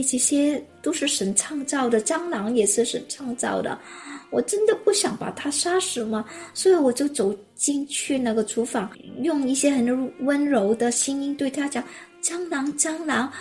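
Storytelling woman preacher. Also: on the high side. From Hong Kong. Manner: lively storyteller who acts out her own exclamations. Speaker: preacher sharing a testimony. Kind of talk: storytelling sermon.

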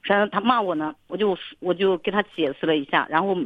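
A woman's voice: fairly low pitch, fast, no room sound. Earnest rambling woman on a phone line. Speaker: caller. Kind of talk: radio call-in counseling.

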